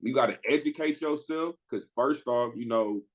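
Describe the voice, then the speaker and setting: Animated young man telling a story. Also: medium pitch, moderate pace, rough recording. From Midwest US. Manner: animated, slangy storyteller who acts out quoted people. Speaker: podcast guest, pro basketball player. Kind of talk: casual storytelling interview.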